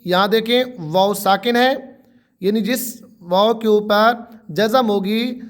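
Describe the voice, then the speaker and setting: A man teaching a Quran tajweed lesson, drawing out single letter sounds and explaining each one patiently. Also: high voice. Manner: drawn-out letter sounds for pupils to repeat.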